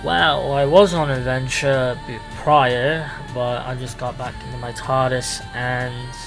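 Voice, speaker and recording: A man playing the Doctor, rambling and halting. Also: medium pitch, level tone, gravelly, rough recording. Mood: casual. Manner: halting, rambling, with restarts and fillers. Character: the Doctor, ancient male alien time traveller, restless and lonely. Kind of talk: improvised fan audio drama. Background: music.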